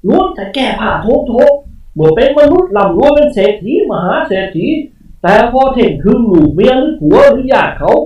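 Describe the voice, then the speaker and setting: A woman's voice: on the high side, sing-song, moderate pace, warm tone, heavy reverb, recorded from a distance, dull audio, pitched above the performer's own voice. A woman voicing an arrogant old male field spirit who possesses a man, talking coarse and bossy in an audiobook reading. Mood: scornful. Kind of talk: audiobook character voice.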